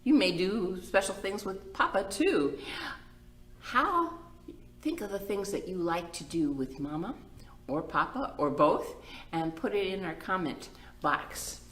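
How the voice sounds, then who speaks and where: At a children's storytime, a middle-aged librarian reads a picture book out loud, pausing to put simple questions to the young audience. She sounds animated and unhurried, with a mid-range voice and a fairly bright tone, and the room echoes noticeably.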